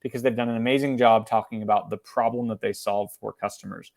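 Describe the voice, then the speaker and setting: Fast-talking man giving a marketing talk. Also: lowish voice, gravelly. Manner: fast, energetic, conversational with fillers and restarts. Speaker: marketing presenter. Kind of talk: webinar presentation.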